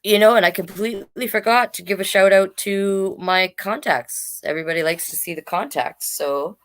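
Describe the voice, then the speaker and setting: With a medium-pitched voice at normal speed, a woman hosts storytime as a drag king storyteller. She reads picture books aloud in a casual way, interjecting comments as she goes.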